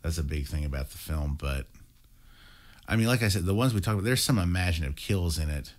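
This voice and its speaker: A young man co-hosting a horror film review, measured and opinionated in a wry, casual chat. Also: low-pitched, animated.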